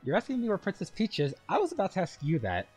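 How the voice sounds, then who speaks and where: A man's voice: high-pitched, wildly swooping pitch, fast, a little mellow, breathy edge, faint music behind, voice pushed up, full character voice. A man reading aloud as a fussy elderly male mushroom royal attendant in a video game, formal and old-fashioned.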